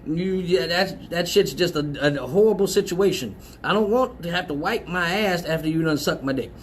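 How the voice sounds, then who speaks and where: Hosting a live advice show, a man talks crudely and casually, blunt and profane, laughing often and repeating himself. His voice is fairly high-pitched at a moderate pace, with slight background noise.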